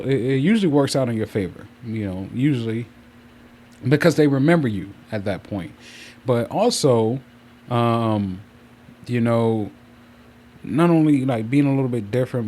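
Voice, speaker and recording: A man chatting casually on a livestream from a room at home, rambling and often circling back to repeat himself. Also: medium pitch. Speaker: streamer hosting a channel. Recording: clear steady fan noise. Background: fan running.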